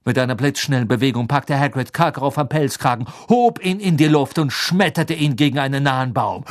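A man narrating an audiobook in steady, even storytelling. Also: mid-range voice, brisk. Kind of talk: scripted narration.

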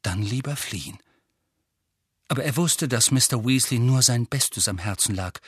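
A man narrating an audiobook with expressive, lively storytelling. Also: medium pitch, normal speed, breathy edge, no room sound, clean studio sound.

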